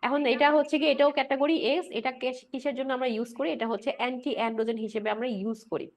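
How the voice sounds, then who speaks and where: A woman's voice: high-pitched, steady tone, rapid-fire. A woman lecturing on pharmacology. She mixes in English medical terms, asks the class questions and answers them herself, and repeats key points with a checking "right?". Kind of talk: explanatory lecture with quiz questions.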